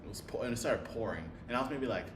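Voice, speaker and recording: An American man chatting as a guest in a casual interview, telling animated stories and acting out the people in them. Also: racing. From United States. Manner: animated storyteller, mimics people, many "like" fillers. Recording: roomy with rumbling background noise.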